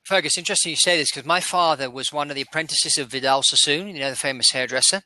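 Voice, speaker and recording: A man asking quick, eager questions in a casual interview chat over a video call. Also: a little high, pushed and bright, dry recording.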